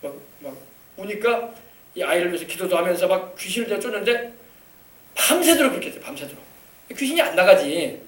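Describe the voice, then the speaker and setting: A male pastor tells a story from the pulpit at a quick clip, his voice pitched high. He acts out the people he quotes and swells into loud hallelujahs. The sound is roomy and echoing, as if the mic is some distance away in a church. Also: very animated. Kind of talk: sermon. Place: church sanctuary.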